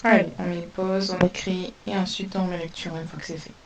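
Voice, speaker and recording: A woman teaching a spelling lesson to young pupils, dictating words slowly and sounding out each letter. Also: on the low side, level tone, muffled recording. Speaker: primary school teacher. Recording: distant mic with faint hiss.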